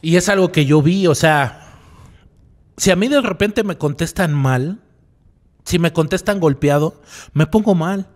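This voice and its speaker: Man, slightly high voice. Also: moderate pace, a little mellow. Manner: asks the listener rhetorical questions, tags lines with "¿no?"; repeats key phrases for emphasis. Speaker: psychologist. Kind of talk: reflective radio talk on personal growth.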